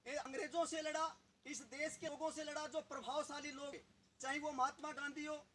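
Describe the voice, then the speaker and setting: A man's voice: very high voice, flat delivery, moderate pace, a bit bright, a little hiss or hum. A man giving a political speech to a village gathering, asking the audience rhetorical questions. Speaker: local party leader.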